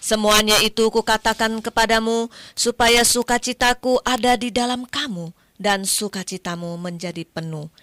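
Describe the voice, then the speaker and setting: A woman reading a scripture passage aloud on a radio program in a calm, measured way. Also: on the high side, no echo. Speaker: scripture reader.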